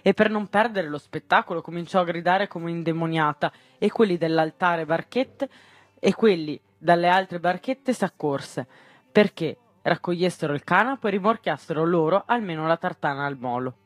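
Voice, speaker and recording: Male storyteller with a slightly raised pitch and dry close sound, reads a literary tale, trips on words and corrects himself. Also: normal speed, no room sound. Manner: stumbles and corrects himself mid-word. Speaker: reader. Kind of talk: reading a literary short story aloud.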